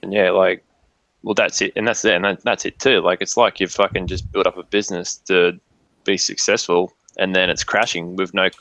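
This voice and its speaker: A man's voice: low voice, little pitch movement, normal speed, fairly bright tone. A man chatting casually in sweary, laid-back slang. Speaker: livestream co-host. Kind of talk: casual chat. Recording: muffled lo-fi mic, roomy echo.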